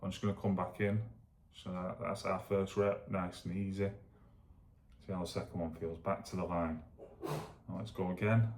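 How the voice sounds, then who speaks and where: A man with a very low, creaky, gravelly voice talks casually to his viewers. He rambles and thinks aloud in a self-deprecating way as he demonstrates something. The room around him sounds echoey. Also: little pitch movement, normal speed, long pauses, a little mellow. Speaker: vlogger. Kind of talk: casual chat to camera while demonstrating exercises.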